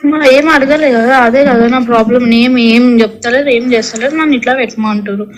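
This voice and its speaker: High-voiced young Telangana Telugu woman on phone. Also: steady tone, brisk. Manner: talking over a phone call; colloquial, recounting others' words in direct quotes. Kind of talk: casual private phone conversation.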